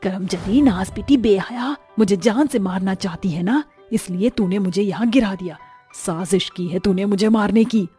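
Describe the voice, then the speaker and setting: A woman's voice: mid-range voice, normal speed, dark tone, husky, faint music behind. A woman voicing a harsh, scolding middle-aged mother-in-law who drawls out insults. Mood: wailing.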